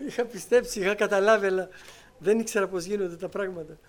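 A middle-aged man giving a personal testimony to his congregation as a lively storyteller who acts out the conversations he recounts. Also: high voice. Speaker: church member giving testimony.

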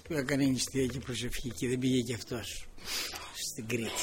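A man's voice: mid-range voice, fairly bright tone, slight background noise. An older man preaching a sermon, telling a personal story and acting out the quoted dialogue with many repeated words.

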